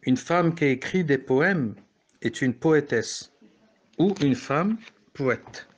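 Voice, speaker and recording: A man's voice: fairly high pitch, animated, takes it slowly, lo-fi sound. A man from Morocco teaching a French poetry lesson, explaining step by step and correcting himself as he goes.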